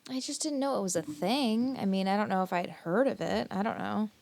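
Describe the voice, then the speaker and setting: A woman's voice: medium pitch, fairly quick, vocal fry, darkish tone. A woman co-hosting a podcast in casual chat, giggly and playful. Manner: giggly, playful, teasing dramatic intros. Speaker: podcast co-host.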